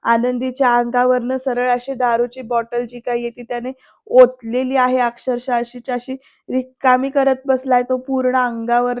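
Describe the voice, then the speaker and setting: A woman's voice: on the high side, lo-fi sound. A woman doing a chatty voice-over recap of a TV serial episode, talking straight to her viewers. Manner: chatty, addresses the viewers directly. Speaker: TV serial reviewer.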